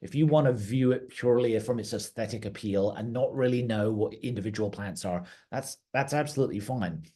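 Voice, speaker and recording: Middle-aged man, garden director, low husky voice, casual teaching tone. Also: a little fast, few pauses, warm tone. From outside the United States. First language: English. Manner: conversational, plain-spoken, occasional fillers and restarts. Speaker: garden director giving a talk. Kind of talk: educational talk.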